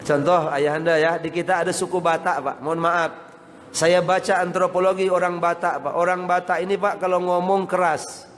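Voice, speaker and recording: An Indonesian man preaches an Islamic sermon, continually addressing his listeners as sir and madam, saying "Pak" and "Bapak Ibu." His voice is high-pitched with a steady tone at a moderate pace. The recording has hall reverb and faint noise.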